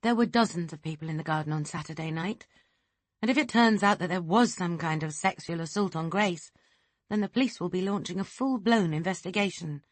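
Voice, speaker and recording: Woman reading a firm, measured worried mother. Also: fairly low pitch, no echo, close to an everyday voice.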